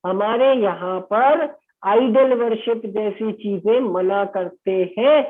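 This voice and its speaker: A male teacher giving an exam-prep lecture, explaining in Hindi mixed with English phrases, often checking understanding with short questions and slowing down to stress key English terms. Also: high-pitched. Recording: tinny phone-like sound.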